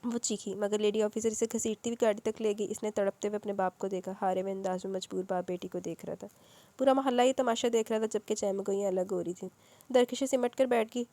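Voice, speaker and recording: A woman's voice: fairly even intonation, dark tone, no room sound. A woman narrating a dramatic novel aloud, acting out the characters' lines with rising emotion. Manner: voices characters with raised emotional pitch.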